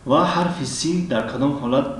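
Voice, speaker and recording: A man with a Tajik accent teaching an English lesson. He pauses often with drawn-out fillers, clears his throat, and repeats each example word slowly. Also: medium pitch, faint music behind. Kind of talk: language lesson. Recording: very echoey room, mic at a distance, faint background noise.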